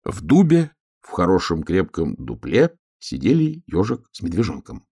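A man narrating a children's storybook with expressive, lively storytelling. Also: sits low, moderate pace, vocal fry, breathy edge. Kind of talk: storybook reading.

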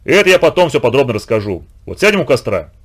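Brief: man doing a calm, kindly adult guardian, lively and reassuring in a storybook reading. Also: medium pitch, quick pace. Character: kind, steady grown man leading children.

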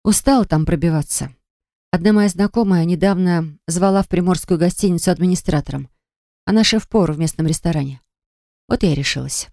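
A woman's voice: on the low side, fairly quick, mellow, no echo, studio quality, close to an everyday voice. A woman voicing a proud, hurt young woman who speaks sharply and reproachfully. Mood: tired.

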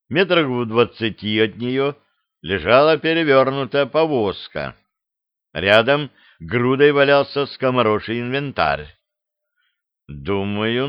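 Male audiobook narrator, steady storytelling, mid-pitched, dull dry lo-fi recording. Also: dry recording. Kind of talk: scripted fantasy narration.

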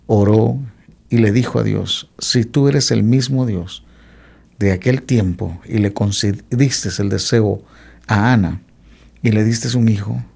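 Gravelly-voiced man telling his life story. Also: on the low side, warm tone. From Mexico. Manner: hesitant, with frequent "eh" fillers and restarts. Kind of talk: testimony in an interview.

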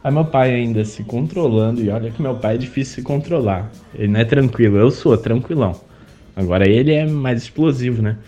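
A Brazilian podcast host delivers a casual monologue about his own experience: brisk, mellow, and medium-pitched, he sounds chatty and indignant and leans heavily on fillers. The recording is muffled, with soft music in the background.

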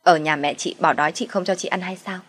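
A young wife in an audio story, read by a woman, firm and quick to answer back, with a fairly low voice. Her tone stays natural and close to the narrator's own. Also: steady tone, close to an everyday voice. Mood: sharp.

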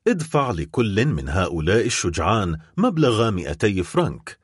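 A man voicing a troubled middle-aged shipowner facing ruin, his voice trembling though he tries to hold it steady. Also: on the low side, normal speed, husky, no room sound, studio quality. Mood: grave.

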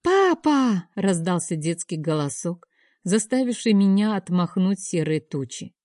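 A woman narrating a romance novel in the first person, with a soft, emotional, measured delivery. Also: lowish voice, dry recording, studio quality. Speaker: audiobook narrator.

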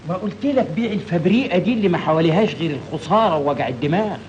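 An actor playing an insistent, scheming Egyptian factory manager, speaking Egyptian Arabic on a noisy old film soundtrack. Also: male voice, high-pitched, lively intonation, racing, dull audio, crowd noise.

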